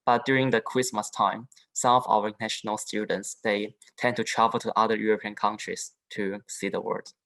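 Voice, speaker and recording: Young man, native Chinese speaker, low voice, video call, halting webinar talk. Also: little pitch movement, creaky, fairly bright tone, rough recording. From southern China. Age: young adult. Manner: halting, with frequent restarts and fillers. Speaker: international student panelist.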